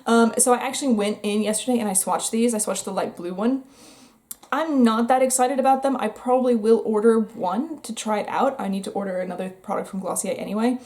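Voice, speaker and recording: A woman's voice: mid-range voice, darkish tone. A young American woman chatting casually and candidly about new makeup releases, with wry asides. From United States. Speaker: beauty vlogger. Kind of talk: casual makeup review chat.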